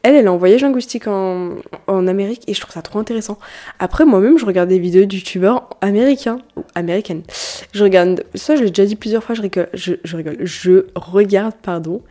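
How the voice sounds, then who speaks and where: Chatty young woman, mellow voice. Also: medium pitch, quick pace. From France. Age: about 19. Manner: chatty, rambling, frequent self-corrections. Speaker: podcast host. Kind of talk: casual solo podcast chat.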